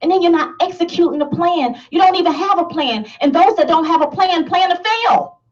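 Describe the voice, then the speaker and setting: A woman's voice: very high-pitched, animated, brisk, far from the mic, muffled recording. A woman giving an emphatic motivational talk to a live audience, laughing and asking the listeners questions. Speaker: motivational speaker.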